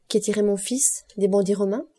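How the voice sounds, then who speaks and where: A woman's voice: medium pitch, fairly even intonation, brisk, warm tone, husky, natural voice. A woman reading as a guarded old-school general. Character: uneasy male general, middle-aged, guarded.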